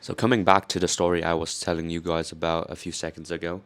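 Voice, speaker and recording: Talking fast in a low, slightly bright voice with little rise or fall, a young Korean man narrates his lifting vlog. A native Korean speaker from South Korea, he adopts a put-on British-leaning accent and is candid, self-mocking and casually profane.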